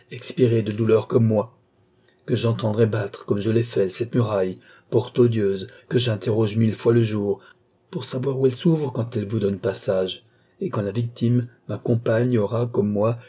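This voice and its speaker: A desperate young woman held captive lashes out with bitter, pleading protest, voiced by a male reader. The voice stays very dark and mellow with a husky grain underneath. It reads as storybook drama, tense and wounded. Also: on the low side. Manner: bitter, pleading, rising into outbursts.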